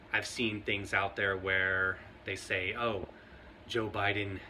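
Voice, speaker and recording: Guy chatting to his viewers, lowish voice, bright and punchy, rambles and laughs a lot. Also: a little hiss or hum. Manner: conversational, rambling, laughs often. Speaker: vlogger. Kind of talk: casual commentary to camera.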